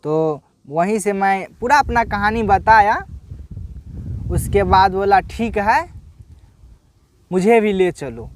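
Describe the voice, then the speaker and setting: A man retelling a devotional folk tale in casual speech, unhurried and halting, acting out the characters' quoted lines. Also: sits high, expressive, slight background noise. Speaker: storyteller. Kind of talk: casual spoken religious story.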